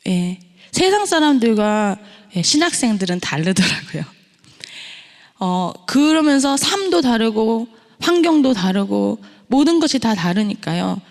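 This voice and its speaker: A middle-aged woman with a fairly high voice preaches a testimony sermon. She tells her story to the congregation and poses rhetorical questions along the way. Her voice rings out with the long reverb of a church sanctuary. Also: big pitch swings, unhurried, a little mellow.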